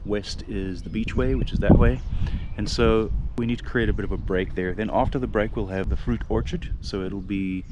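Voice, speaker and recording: A man's voice: lowish voice, steady tone, moderate pace, hardly any pauses, background noise. A man from South Africa talking casually with lots of fillers as he vlogs outdoors on his farmland. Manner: rambling, with many fillers and restarts. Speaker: vlogger. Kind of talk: casual outdoor vlog talk.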